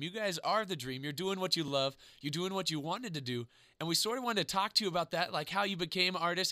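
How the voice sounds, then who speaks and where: A man's voice: high-pitched, sharp tone, dry recording, studio quality. A man hosting a radio interview in a chatty, friendly way with casual slang. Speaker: radio show host.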